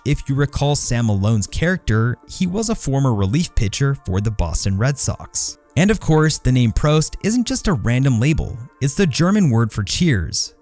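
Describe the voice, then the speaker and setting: A man reads a scripted gaming video with an animated, swinging pitch at a middle register. He sounds informative and lightly playful as he walks through each secret. Soft music runs faintly underneath. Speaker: gaming lore narrator.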